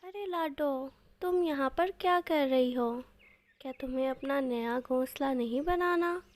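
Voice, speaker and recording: A woman's voice: high voice, measured pace, dry recording. A woman voicing a curious, chatty female pigeon in a cartoon story.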